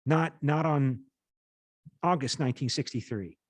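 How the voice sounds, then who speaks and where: In a dry recording, a male university teacher in his late fifties reads aloud and talks through the material in fits and starts, reworking his phrasing. His voice is mid-range.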